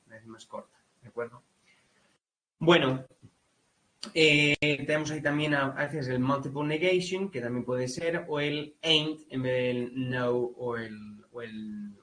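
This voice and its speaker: A man with a Spanish accent giving a relaxed exam-prep lecture in Spanish, full of fillers and checks like "right?", now and then imitating English accents. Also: medium pitch, poor audio. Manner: casual, many fillers, mimics English accents. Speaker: teacher.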